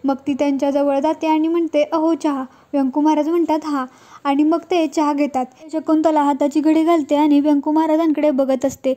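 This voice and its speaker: A woman narrating a recap of a TV serial episode in steady, even storytelling. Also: high voice, brisk, hardly any pauses.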